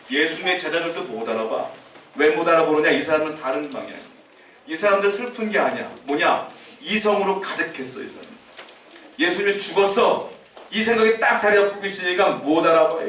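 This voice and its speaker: A man's voice: a little high, fairly bright tone, roomy sound, far from the mic, slight background noise. A male pastor preaching a sermon in a conversational way, repeating short phrases for emphasis. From South Korea. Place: church sanctuary.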